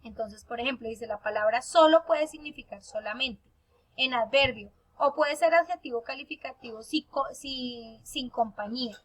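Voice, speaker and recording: A woman's voice: a little high, normal speed, a bit bright. A woman teacher giving a recorded online lesson to her pupils, explaining step by step and checking in with her listeners.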